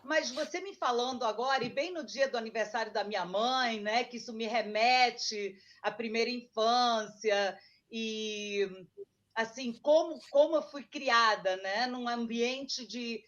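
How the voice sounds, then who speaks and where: A woman's voice: a little high, a little slow, a bit bright, muffled recording. A woman from Argentina, a guest author, chatting casually and reminiscing about her childhood. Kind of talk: casual interview chat.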